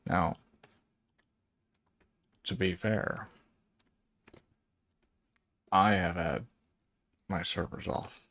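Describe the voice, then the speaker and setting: A man muttering and swearing at his software under his breath while he works at a computer. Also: low voice, fairly even intonation, very slow, creaky, long pauses. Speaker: streamer fixing computers. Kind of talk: casual muttering to himself while working at a computer.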